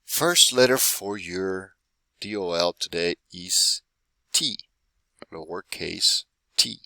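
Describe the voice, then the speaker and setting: Man, 40s, Spanish teacher, slow patient delivery, dry close sound. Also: deep voice, gravelly, bright, forceful tone, dry recording. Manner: patient, checks in with "right?". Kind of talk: recorded classroom lesson.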